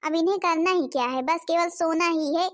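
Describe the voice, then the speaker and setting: A woman's voice: very high-pitched, normal speed. A woman voicing a stingy, bossy young stepmother who scolds and complains in a cartoon. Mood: scolding. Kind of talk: cartoon voice acting.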